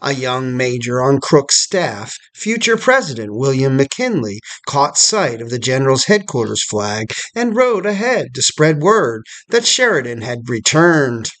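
A man reading a scripted history documentary narration in a measured storytelling manner. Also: medium pitch, very animated, a bit bright.

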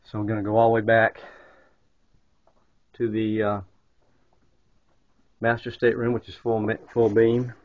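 A man's voice: lowish voice, completely flat delivery, a little slow, pauses often, dry recording. A man casually narrating a walk-through of a yacht's cabins as he films, rambling with fillers and restarts. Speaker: walk-through guide filming a boat tour. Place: indoors aboard a yacht, small wood-paneled cabins. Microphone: handheld camera microphone. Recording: dull lo-fi camcorder audio.

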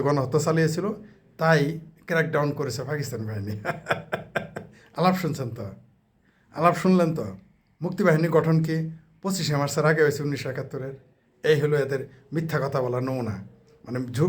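Mocking man ranting, higher voice. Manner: mocking, heated, crude insults and rhetorical questions. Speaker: political commentator. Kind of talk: ranting political monologue.

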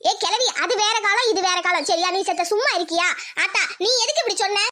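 Woman doing a defiant young village girl, rude, very high bright cartoon voice. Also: fast. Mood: angry.

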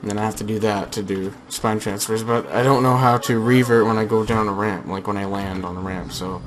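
Hosting a gaming channel, a slightly hoarse young man with a lowish, steady voice rambles briskly through casual gameplay commentary on a headset. His chatter is full of fillers and frequent restarts, with a noisy background behind him.

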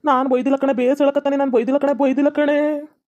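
A woman's voice: flat delivery, quick pace, warm tone, highs cut off, natural voice. A woman doing a blustering old father-in-law. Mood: protesting. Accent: North Karnataka Kannada. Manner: shrill, whining protests. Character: grumpy older male father-in-law, loud and blustering. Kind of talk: cartoon comedy voice acting.

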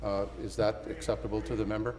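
Distant presiding speaker in echoing hall. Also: male voice, lowish voice, little pitch movement, dark tone. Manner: halting, procedural, many fillers. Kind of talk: procedural chairing. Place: large legislative chamber.

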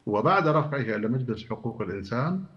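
Measured male human rights adviser. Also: medium pitch, big pitch swings, dull audio. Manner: measured, explanatory. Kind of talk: analytical commentary.

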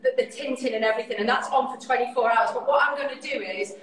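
A woman's voice: a little high, quick pace, crowd noise. A woman from north-west England hosting a casual livestream, chatty, rambling and self-deprecating. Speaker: host. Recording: echoey room, voice a bit far off.

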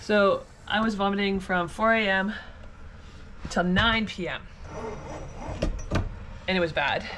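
A woman's voice: medium pitch, takes it slowly, pauses often, noisy background. A woman in her forties vlogging from her boat, chatty and upbeat but weak and shaky after being ill, filmed on an action camera at arm's length. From Canada. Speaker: sailing vlogger. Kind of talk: casual vlog talk. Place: boat wheelhouse and deck, outdoors on water.

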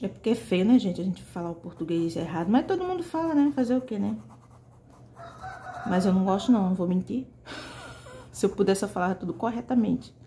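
A woman's voice: medium pitch, lively intonation, brisk, pauses often, dark tone, slight background noise. Chatty woman teaching fabric painting. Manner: chatty, talks directly to viewers. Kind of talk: casual tutorial.

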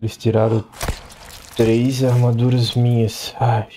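A man chatting to himself while playing a game, shouting in the fights. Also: medium pitch, completely flat delivery, slow, a little hiss or hum. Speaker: gameplay commentator. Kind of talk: let's play commentary.

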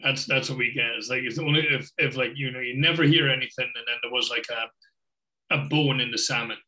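Bright-voiced Scottish man on a video call. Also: mid-range voice, steady tone, fairly quick, rough recording. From Scotland. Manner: rambling, many fillers. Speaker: guest host. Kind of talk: casual video-call chat. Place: home office with bookshelves.

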